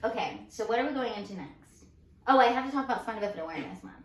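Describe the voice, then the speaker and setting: A woman's voice: fairly high pitch, lively intonation, racing, roomy sound. A woman co-hosting a casual chat while doing makeup, giggling often. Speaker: co-host.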